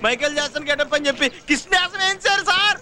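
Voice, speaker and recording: A panicky comic college boy in a film comedy, talking fast in a very high, swooping voice. He pleads and squeals in panic when cornered. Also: animated, background noise. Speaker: college student.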